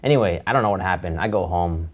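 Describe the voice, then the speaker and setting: A young adult man co-hosting a casual talk show, telling stories with excitable, emphatic reactions. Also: low voice, fast talker. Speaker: co-host. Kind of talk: casual chat, storytelling.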